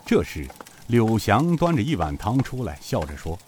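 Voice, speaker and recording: A man narrating a serialized novel as an expressive, measured storyteller. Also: lowish voice, a little hiss or hum.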